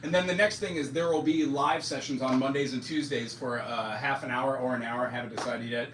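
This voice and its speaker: A forty-something man talks as a music teacher on a live stream, casual and self-deprecating, sprinkling in plenty of fillers. His mid-range voice moves with fairly even intonation at a slightly fast pace. Background noise, music, roomy echo, and a distant mic color the recording.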